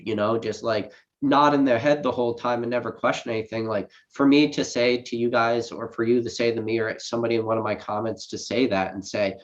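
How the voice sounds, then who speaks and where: A man chatting on a casual live stream, rambling quickly with many restarts and fillers. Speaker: guest collector. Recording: muffled low-fidelity audio.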